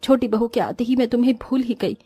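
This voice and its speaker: Woman doing a stingy cartoon mother-in-law, bossy and grumbling, fairly high pitch. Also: brisk, warm tone, husky, faint music behind. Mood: apologetic. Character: stingy scheming middle-aged mother-in-law.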